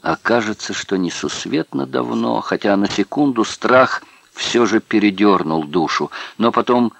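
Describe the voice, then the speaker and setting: A man reading an audiobook in measured, even storytelling. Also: lowish voice, vocal fry, dry recording. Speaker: narrator. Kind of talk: audiobook narration.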